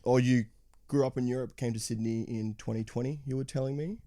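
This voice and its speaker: A man's voice: mid-range voice, fairly even intonation, a little fast, warm tone, dry recording, clean studio sound. A man hosting a casual podcast interview, talking with many hesitant "sort of" fillers. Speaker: podcast host.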